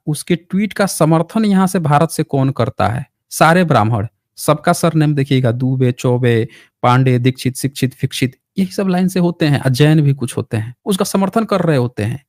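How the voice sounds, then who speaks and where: A man's voice: fairly high pitch, no echo, studio quality. A man hosting a heated live debate, arguing insistently and pressing his opponent with repeated pointed questions.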